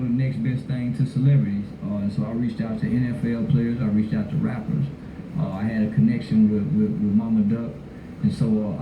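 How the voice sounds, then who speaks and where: A man with a fairly low voice explains things informally in halting, repetitive phrases. The recording is thin and phone-like, echoey, with plenty of noise. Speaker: youth mentor. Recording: tinny, echoey, noisy phone-like audio.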